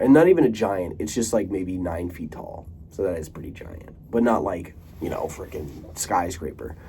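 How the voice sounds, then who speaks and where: A man's voice: sits low, a little mellow, slight background noise. A young man talking casually to camera in a rambling monologue, full of fillers, restarts and casual swearing. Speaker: vlogger.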